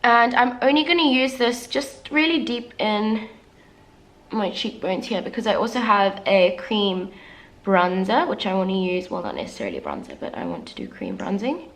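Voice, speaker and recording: With big pitch swings and a slightly bright, mid-range voice at normal speed, a young woman vlogger chats through a makeup tutorial. She's casual and candid, tosses in self-deprecating comments, and sounds a little congested while getting over the flu.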